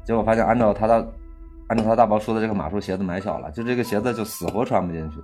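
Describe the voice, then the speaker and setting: A man in his thirties with a low voice tells a personal story in plain, casual speech. He halts and restarts often, and his voice heats up when anger takes over. Faint music plays beneath him. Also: a little mellow. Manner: halting, many restarts and fillers, rising heat when angry. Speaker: volunteer aid worker telling his story.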